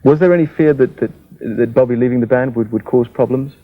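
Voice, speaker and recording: A man interviewing for TV, brisk and polite. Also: medium pitch, narrow, tinny audio. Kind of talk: TV interview questions.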